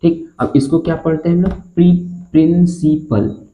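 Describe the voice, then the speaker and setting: A man teaching a spoken class lesson, spelling words out slowly and asking listeners to repeat after him. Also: a little high, steady tone, soft background music. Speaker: English teacher. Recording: echoey room on a tinny, phone-like line.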